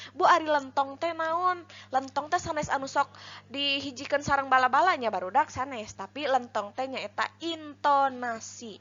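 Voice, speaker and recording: High-voiced woman teacher explaining a lesson. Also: a bit bright, lo-fi sound. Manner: explains step by step, asks and answers her own questions.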